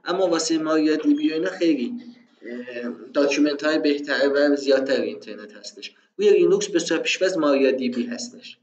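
A man giving a casual spoken programming lesson, often posing rhetorical questions to himself and pausing with fillers. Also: fairly high pitch, lively intonation, roomy sound, lo-fi sound. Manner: conversational, rhetorical self-questions, frequent fillers. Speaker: programming instructor. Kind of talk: screen-recorded tutorial explanation.

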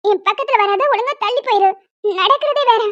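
A young woman dance teacher from a cartoon, acted by a woman, earnest and defiant. Her voice sits very high. The recording is dull and lo-fi. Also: a little fast, fairly bright tone. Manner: pleading, earnest. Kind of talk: cartoon voice dubbing.

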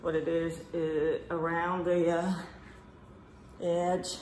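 A woman's voice: lowish voice, roomy sound, a little hiss or hum, rough recording. Casual woman fixing something in her kitchen. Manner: relaxed, talks while working with her hands, trailing pauses. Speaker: DIY vlogger. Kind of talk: casual how-to demonstration. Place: home kitchen, indoors. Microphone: camera mic across a counter.

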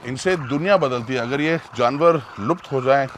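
A middle-aged man hosting a travel show outdoors, earnest and sometimes hushed, speaking on a lapel mic with bird calls and outdoor noise behind him. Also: medium pitch, moderate pace. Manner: earnest, hushed at times, moralizing. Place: outdoors at a desert bird site. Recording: outdoor noise, birds calling.

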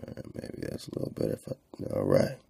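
Talking a little fast in a warm tone, a man hosts an unscripted online show, offering casual commentary while browsing on screen. His talk wanders, with repeated phrases and slangy fillers.

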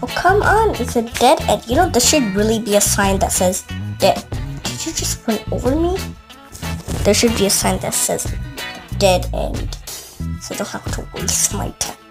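An excitable woman narrating her own gameplay, chatting back at the screen as she goes. Her voice sits a little high, swings widely in pitch and has a gravelly edge. Loud game music plays under her. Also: moderate pace. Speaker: gameplay video creator. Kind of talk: casual gameplay commentary.

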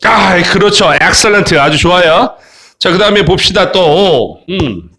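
A man's voice: expressive, unhurried, pushed and bright. A man teaching a children's English lesson in a playful, jokey way, drilling phrases and clowning with silly voices. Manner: playful, jokey, mimics kids in high squeaky voices.

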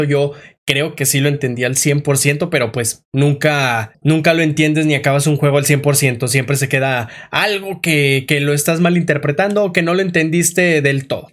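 A man, slightly hoarse, casually narrating a video game's story in a slangy, outspoken way and talking straight to his viewers. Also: a little high. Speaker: YouTube game lore narrator.

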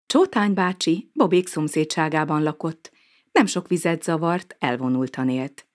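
A woman narrating a children's storybook aloud in an expressive, sing-song manner. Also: low-pitched.

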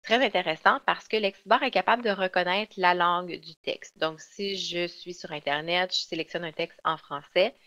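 A woman, presenting software in a webinar and explaining step by step with frequent fillers and restarts. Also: on the low side, fairly even intonation, normal speed, hardly any pauses. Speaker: software trainer. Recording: dull lo-fi online webinar audio.

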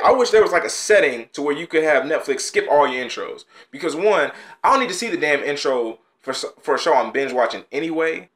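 With a fairly high-pitched, fairly bright voice, a young man hosts a casual reaction video indoors in a small bedroom studio at home. He comes across as blunt and exasperated, with frequent sighs and groans.

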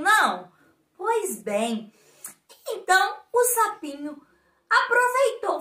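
A woman with a Brazilian accent, a preschool teacher telling a story to small children, animated and asking them questions. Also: very high voice. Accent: Brazilian Portuguese. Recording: echoey room.

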